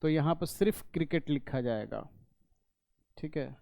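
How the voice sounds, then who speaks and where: A man's voice: on the high side, normal speed, creaky, warm tone, dry recording. A man teaching an English class, explaining step by step, repeating points and answering his own questions. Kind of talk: classroom lesson explaining in Hindi.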